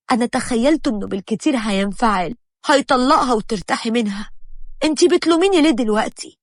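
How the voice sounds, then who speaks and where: Woman reader doing an irritated, conniving Egyptian friend; storybook voice, rapid and dry. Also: on the high side, no echo, natural voice. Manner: irritated, defensive. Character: wife's conniving female friend, defensive.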